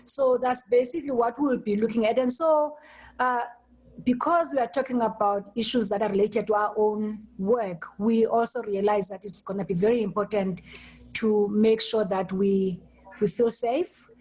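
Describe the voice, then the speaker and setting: A woman hosting an online meeting over a video call, speaking haltingly and restarting her words often. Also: mid-range voice, steady tone, a little mellow, slightly rough, poor audio. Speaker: host.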